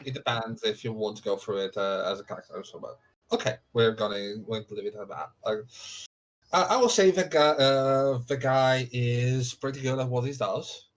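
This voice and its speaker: Halting male game master, medium pitch. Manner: halting, searching for words. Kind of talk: improvised tabletop game narration.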